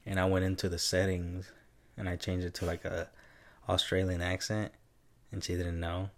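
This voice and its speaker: A man with a very low voice chatting casually as a podcast co-host. He teases and playfully quizzes his partner. His talk is loose and conversational. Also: little pitch movement, moderate pace. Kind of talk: casual chat.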